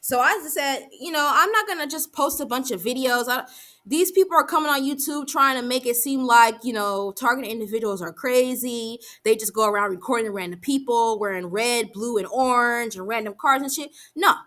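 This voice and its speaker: A young woman with a slightly high, sharply bright voice vents to the camera. Her talk is heated and full of profanity. Sentences run on and restart as her thoughts race ahead of her words. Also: a little fast. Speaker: vlogger. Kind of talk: angry venting monologue.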